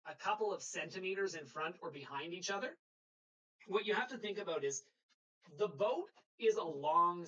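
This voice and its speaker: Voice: medium pitch, pushed and bright, muffled recording. A sailing instructor giving a live webinar lecture over a video call, explaining patiently and checking in with the class.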